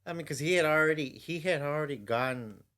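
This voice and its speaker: A man's voice: a little high, fairly quick, fairly bright tone. A man co-hosting a podcast, joking along and agreeing with short replies. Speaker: podcast co-host. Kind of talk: casual chat.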